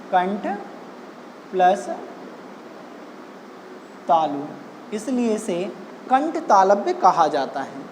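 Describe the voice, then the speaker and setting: Slow, deliberate woman teaching in an echoey room. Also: medium pitch, a little hiss or hum. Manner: slow, deliberate explaining with pauses. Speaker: Hindi grammar teacher. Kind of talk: exam-prep lesson. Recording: echoey room with long reverb.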